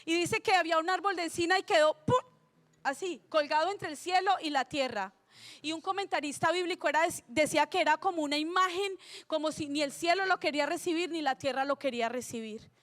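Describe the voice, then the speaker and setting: A woman's voice: very high voice, fairly quick. A woman preaching a sermon in Spanish, retelling a story dramatically and voicing its characters. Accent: Latin American Spanish. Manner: dramatic, acts out the characters' lines. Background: soft music.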